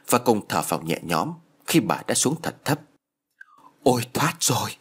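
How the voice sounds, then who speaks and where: A man narrates a ghost story with dramatic, expressive delivery. His voice sits low and slightly husky, swinging widely in pitch. Faint music plays behind him. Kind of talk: scripted narration.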